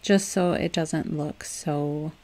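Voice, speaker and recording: Speaking slowly in a low, steady voice, a young DIY home decor vlogger chats through a home craft tutorial. The voice-over feels casual and upbeat, full of soft laughs and loose restarts.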